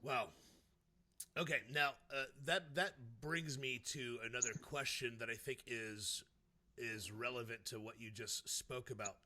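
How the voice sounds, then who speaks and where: Slow-talking man with a very bright voice. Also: medium pitch, fairly even intonation. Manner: halting, repeats words as he builds a point. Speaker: interviewer, host. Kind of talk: interview, conversational opinion.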